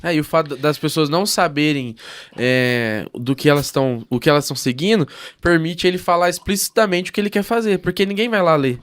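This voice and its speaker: Man, Brazilian Portuguese accent, fast casual talk, slightly high voice, podcast host. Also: a bit bright. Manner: casual, quick questions, repeats words. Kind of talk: casual interview chat.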